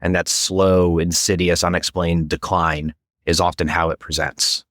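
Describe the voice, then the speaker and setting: A man who is a pulmonary fellow, co-hosting a medical education podcast and explaining clinical points in a measured way. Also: low voice, level tone, fairly bright tone, dry recording, clean studio sound.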